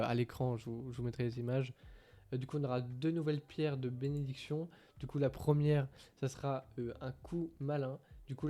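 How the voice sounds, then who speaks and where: A man's voice: medium pitch, dark tone. A man casually reading game patch notes aloud, hesitant and full of fillers, who says English is not his strong point. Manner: hesitant, many fillers, reads translated text aloud. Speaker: gaming streamer.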